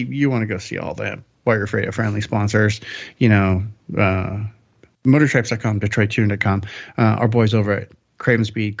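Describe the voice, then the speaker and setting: A man's voice: lowish voice, gravelly. Man, podcast host, casual rambling upbeat delivery, slightly dull lo-fi sound.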